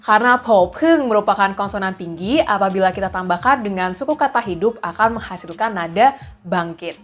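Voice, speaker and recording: A woman's voice: mid-range voice, a little fast. Woman language tutor, patient, repeats drill syllables; faint music bed underneath. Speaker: language teacher. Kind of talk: explaining lesson.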